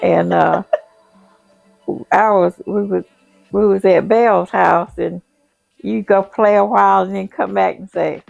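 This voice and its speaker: An older woman, a grandmother slowly telling a family story in casual chat. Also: mid-range voice, steady tone, creaky, a little mellow, highs cut off, faint music behind. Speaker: grandmother guest.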